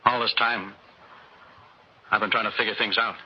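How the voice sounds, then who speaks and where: In a muffled, hissy old radio recording, an actor plays a plain-spoken, morally indignant working man in a 1960s radio drama, using earnest, colloquial phrases. His voice is on the low side, slightly rough and level in tone, at a normal speed. The mood is hesitant and brooding.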